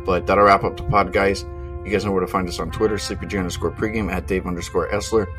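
A man's voice: deep voice, flat delivery, fast talker, over music. A man hosting a casual sports betting podcast, rambling with many fillers and restarts. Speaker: podcast host.

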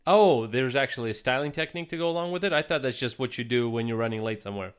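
Smooth-voiced man. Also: mid-range voice, racing. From Russia. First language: Russian. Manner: relaxed, joking, dry humor. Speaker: podcast co-host. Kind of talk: casual chat.

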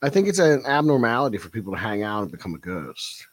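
A man hosts a live stream, reading viewer comments aloud and musing on them in a thoughtful, reflective, casual way with frequent fillers. His lowish voice is sing-song and quick, with no echo.

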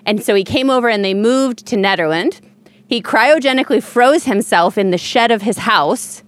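A woman's voice: fairly high pitch, lively intonation, moderate pace. A woman from Ohio, a podcast guest telling a rambling, chatty story with casual swearing. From Ohio, USA.

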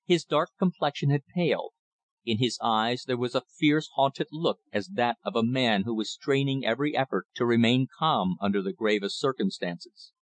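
A man reading an audiobook in measured, earnest first-person narration. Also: mid-range voice, dry recording. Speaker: audiobook reader.

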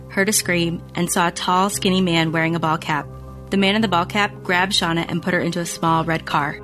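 A woman hosting a podcast, reading scripted true crime narration in measured, storytelling phrases. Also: on the low side. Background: music bed.

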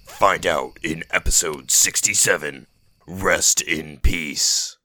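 A man's voice: rumbling low, slow pace, pushed and bright, exaggerated voice. A man playing a grand bard who narrates a fantasy tale in rhythmic, theatrical, scripted storytelling. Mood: solemn, portentous. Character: grand old-time bard narrator telling a heroic tale. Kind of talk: scripted fantasy episode introduction.

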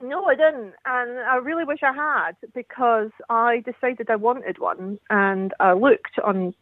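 A woman's voice: on the high side, unhurried, no echo. Woman caller, over the phone, tinny narrow line, dry sound, earnest rambling chat. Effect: heard over the phone. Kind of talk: casual call-in chat.

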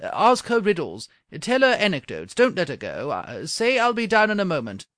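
A man's voice: sits high, huge pitch swings, fairly bright tone, no echo, clean studio sound, voice pushed up, full character voice. A man voicing a flustered, impatient king hurrying his servants. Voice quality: hurried, flustered. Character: flustered young male king, golf-mad and impatient.

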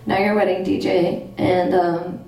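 A woman's voice: on the low side, flat delivery, moderate pace, vocal fry, mellow. A woman hosting a live music session, chatting casually and encouragingly with her guest. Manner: friendly and encouraging, short affirmations. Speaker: host and musician. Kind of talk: casual interview chat. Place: theater loft, live session. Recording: echoey room, mic far off, guitar behind.

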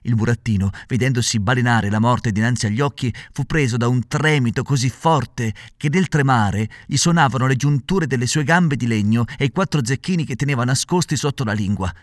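A man narrating a classic children's story aloud with expressive, dramatic reading. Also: medium pitch, fairly quick, hardly any pauses, no room sound, clean studio sound.

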